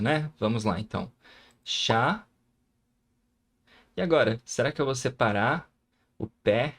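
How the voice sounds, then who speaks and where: A man with a Brazilian Portuguese accent teaching a recorded grammar lesson, patiently sounding out syllables and often checking in with the viewer. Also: fairly low pitch.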